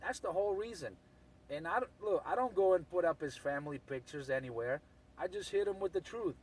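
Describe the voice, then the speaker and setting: A man's voice: fairly high pitch, lively intonation, a little fast, husky. A man chatting over CB radio in an aggrieved, blunt way, repeating himself for emphasis. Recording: distant voice from the mic.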